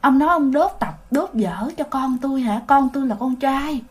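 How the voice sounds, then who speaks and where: A woman's voice: high-pitched, normal speed, close to an everyday voice. A woman voicing a threatening female ghost, a mother spirit taunting an intruder, with a Southern Vietnamese accent. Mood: pleading. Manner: threatening, cackling.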